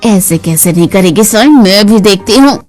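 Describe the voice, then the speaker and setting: Woman doing a nasty sneering stepmom from a cartoon drama, lower voice, spiteful. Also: expressive, moderate pace, a little mellow, lightly acted. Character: cruel scheming stepmother, middle-aged woman. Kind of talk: animated family drama.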